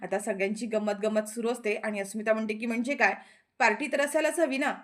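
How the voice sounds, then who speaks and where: A woman retelling a TV serial episode in a casual recap, quoting the characters' lines as she goes. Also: on the high side. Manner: quick, animated retelling with quoted lines.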